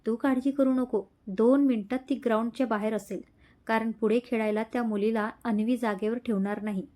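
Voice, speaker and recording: A playful young man from a storybook audio drama, read by a woman narrator. He jokes and wheedles his best friend. The voice is mellow and a little high. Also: steady tone, brisk, natural voice. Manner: joking, wheedling.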